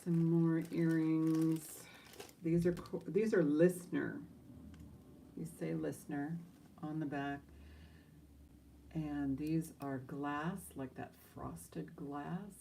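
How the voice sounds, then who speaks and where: Low, unhurried woman auctioneer, slightly creaky. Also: steady tone, mellow, a little hiss or hum. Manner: chatty, informal, rambling between bid calls. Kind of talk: casual live-sale auctioneer patter with bid calls.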